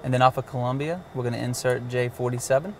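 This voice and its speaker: A slightly mellow, mid-range male voice keeps a steady tone at a quick pace, with a little hiss or hum. The avionics demonstrator walks through a cockpit navigation system step by step, casually and plainly, with occasional fillers.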